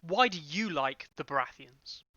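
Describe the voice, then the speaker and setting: A man's voice: on the high side, animated, measured pace, pushed and bright, no room sound. A man hosting a gaming interview show, upbeat and announcer-like, reading scripted questions. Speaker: podcast host. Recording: muffled lo-fi mic.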